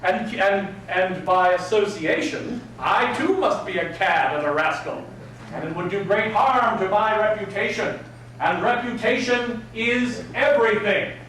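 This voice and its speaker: A man leads a live etiquette class in a slow, deliberate delivery. His enunciation is prim and precise, with formal, old-fashioned wording. The voice is high for a man and comes through from a distance with some faint noise. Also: a bit bright. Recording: very echoey room, distant mic, faint noise.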